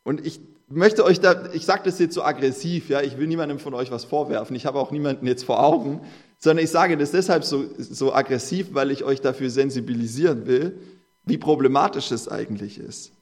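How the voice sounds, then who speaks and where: A man preaching a conversational sermon, earnest, slowing down and stressing words when he reads scripture. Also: medium pitch.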